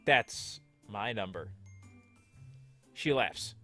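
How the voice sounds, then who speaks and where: A man's voice: on the low side, animated, drawn-out words, bright, forceful tone, faint music behind. Playful, sarcastic male game host. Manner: playful and sarcastic, jumps into mock voices. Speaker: let's play host. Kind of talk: reading game text and joking along.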